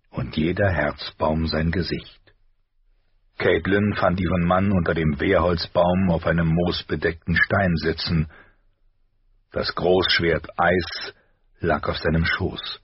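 Give me a very husky, deep male audiobook narrator with a dry, dull sound. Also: no echo. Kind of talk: scripted narration.

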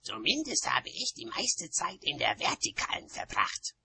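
A woman voicing a proud, sharp-tongued old witch who speaks in a cutting, half-whispered hiss. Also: sits low, huge pitch swings, normal speed, creaky, slightly rough, voice pushed up, full character voice. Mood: scornful.

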